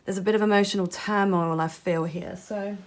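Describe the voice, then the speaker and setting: A woman in the middle of her usual pitch range, reading tarot cards to a viewer. She thinks aloud as she goes, hedging each insight in a gentle, reassuring way and now and then letting out a soft laugh. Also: fairly even intonation, fairly quick. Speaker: tarot card reader. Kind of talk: pick-a-card tarot reading to camera.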